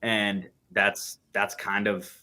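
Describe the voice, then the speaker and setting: A man co-hosts a casual sports podcast, making his points in a punchy, emphatic way. His voice is fairly low. It carries a sharp, bright edge. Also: little pitch movement, slow. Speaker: podcast co-host.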